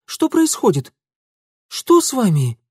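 A woman's voice: a little high, huge pitch swings, slow pace, dark tone, slightly rough, no room sound, pitched above the performer's own voice, exaggerated voice. A reader voicing a proud young lady who speaks in a dry, clipped way. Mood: cold offense.

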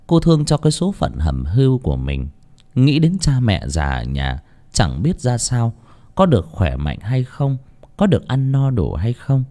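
A man narrating a story in an unhurried, dramatic way. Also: medium pitch, wildly swooping pitch, warm tone. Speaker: audiobook narrator.

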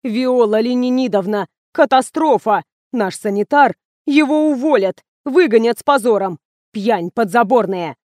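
A woman's voice: a little high, normal speed, no room sound, clean studio sound, close to an everyday voice. A woman reading an audiobook, voicing a fussy, bossy middle-aged female doctor who scolds and blusters. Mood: flustered. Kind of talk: audiobook character voice.

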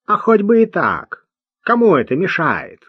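A man's voice: high voice, huge pitch swings, unhurried, slightly rough, dry recording, phone-quality sound, voice pushed up, exaggerated voice. A male narrator voicing a crude, jumpy vagrant man with a nasal voice and a strong provincial French accent. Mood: aggressive, defiant.

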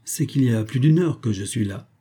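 A man as a calm, ironic count. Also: medium pitch, fairly quick, husky. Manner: calm, polite, quietly amused.

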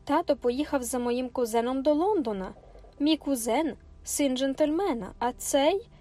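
A haughty little girl with a shrill, high voice barks orders and huffs in indignation, as a woman reading the book puts her on. Faint music plays softly behind the audiobook reading. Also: unhurried. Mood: indignant. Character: spoiled bossy young girl, haughty and tearful. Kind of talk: audiobook character voice.

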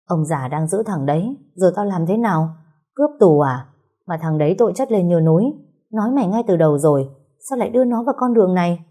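A woman's voice: lowish voice, lively intonation, quick pace, dark tone. A woman voicing a cold, decisive older sister who leads a gang, speaking curtly. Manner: cold, curt.

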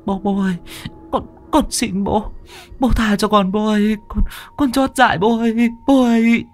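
A man voicing a frightened young wife, pitched high and stammering through tearful pleas. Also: fairly even intonation, moderate pace, a little mellow, faint music behind, lightly acted. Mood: terrified, pleading. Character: terrified young wife, weeping and pleading.

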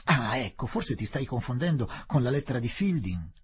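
Male reader playing a condescending young official; firm, dismissive, husky, lively delivery. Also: medium pitch, normal speed.

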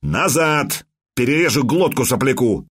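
A man voicing a brutal bald soldier who barks rough, threatening commands. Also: mid-range voice, animated, measured pace, a bit bright.

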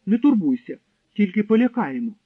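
A man's voice: high voice, very animated, brisk, no room sound. A man reading an audiobook, voicing an arrogant, cruel German SS captain who barks and boasts. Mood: pompous. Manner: barking, shouting, pompous. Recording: dry, tinny narrow-band sound.

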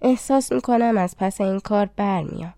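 A woman's voice: medium pitch, mellow, dry recording, natural voice. Brief: brave determined princess, read by a woman, earnest storybook delivery, dry close sound. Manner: earnest, resolute.

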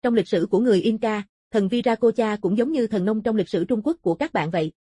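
A woman's voice: mid-range voice, fast talker, dark tone, breathy edge, dry recording, clean studio sound, lightly acted. A woman reading the lines of a curious male former lawyer turned explorer of ancient ruins, in a thoughtful, explaining manner. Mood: musing.

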